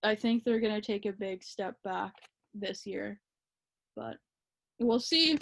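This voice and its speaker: A woman co-hosting a casual hockey chat, relaxed and hesitant with lots of ums. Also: mid-range voice, slow pace, gravelly. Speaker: podcast co-host.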